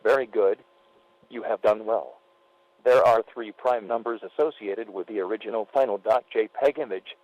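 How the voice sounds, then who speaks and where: A man's recorded answering machine message, played over a phone line, giving slow, measured, formal instructions. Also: lowish voice, a little mellow, no echo. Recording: tinny phone line from far off.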